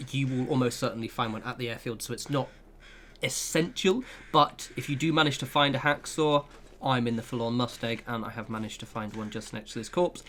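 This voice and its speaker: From his room at home, with flatmates close by, a man creates a casual game guide video and rambles chattily through the walkthrough. He hedges constantly with "kind of" and "sort of" and drifts into asides. His voice is mid-range and a bit bright, with a little hiss or hum in the audio.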